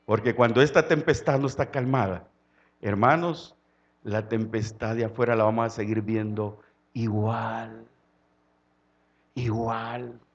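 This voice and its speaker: A man from El Salvador with a Salvadoran Spanish accent, preaching a sermon. He swings from quiet, low-spoken passages to loud, impassioned calls. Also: steady tone, measured pace, pauses often, lo-fi sound.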